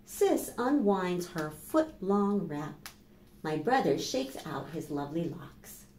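In a small, plain indoor room, a children's librarian in her fifties from America reads aloud and instructs young kids, deliberate and animated, her pitch fairly low. A camera microphone a few steps away leaves her sounding far off and echoey, with slight background noise.

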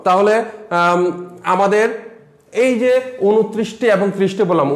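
A man's voice: sits high, reverberant. A man with a Bangladeshi accent, a college lecturer giving a recorded lesson, explaining step by step and repeating example words.

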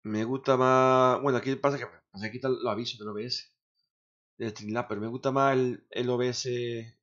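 Grumbling streamer, lo-fi sound. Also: male voice, medium pitch, steady tone, moderate pace, fairly bright tone. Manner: grumbling, swears often, talks to himself. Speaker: gaming streamer. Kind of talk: casual streaming chatter. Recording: dull lo-fi sound.

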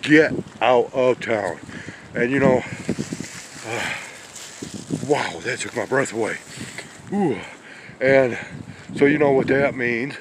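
This vlogger has a mid-range voice and a slow delivery full of pauses, filming a weather walk through snowy small-town streets on a handheld phone. His commentary is casual and rambling, with folksy exclamations, and wind noise is heard on the mic.

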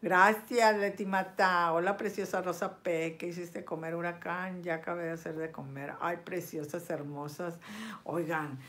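A woman's voice: on the low side, little pitch movement, measured pace, a bit bright. A chatty, affectionate woman, reading viewer comments in a casual live vlog. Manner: chatty and affectionate, lots of diminutives and endearments.

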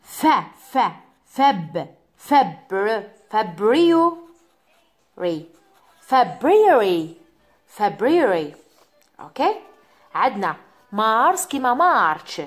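A woman teacher with an Algerian Arabic accent stretches out each word and repeats it for her pupils. Her voice sits fairly high and swings widely in pitch. She moves now and then away from the mic. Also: sing-song. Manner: drawn-out repetitions of words for pupils. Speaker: English teacher. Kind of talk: classroom lesson.

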